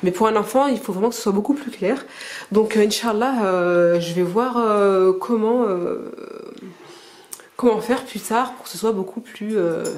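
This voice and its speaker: A woman's voice: medium pitch, darkish tone. A mother teaching her children at home and explaining the method to the camera in a hesitant, casual way full of filler sounds. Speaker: homeschooling mother.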